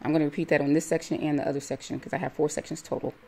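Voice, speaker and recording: A woman with a notably low voice talks through a hair tutorial as a voice-over. She explains each step calmly and plainly, like a stylist teaching viewers. Soft music plays faintly underneath. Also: racing. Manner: calm, step-by-step instructive.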